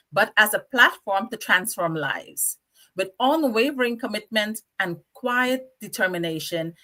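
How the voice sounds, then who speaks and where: Bright, effusive woman hosting a live show. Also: medium pitch. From Guyana. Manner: enthusiastic, effusive, laughs often. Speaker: show host. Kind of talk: live online interview show.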